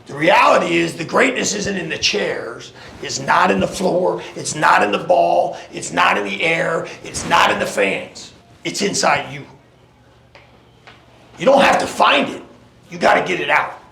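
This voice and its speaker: A man with a gravelly voice giving an impassioned, preaching pre-game pep speech as a motivational coach, driving points home with emphatic repeated phrases. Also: sits high, unhurried, sharp tone, slight background noise. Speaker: motivational coach, guest speaker. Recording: echoey room.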